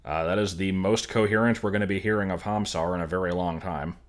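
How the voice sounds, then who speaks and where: Deep-voiced male streamer, wry and dry reaction chat. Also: fairly even intonation, fast talker. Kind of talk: casual reaction commentary.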